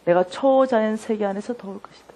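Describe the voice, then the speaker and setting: A woman's voice: mid-range voice, quick pace, dark tone, slight background noise, close to an everyday voice. A woman quoting a firm divine voice. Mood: solemn. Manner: firm, repeating commands. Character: God speaking calmly, commanding and steady.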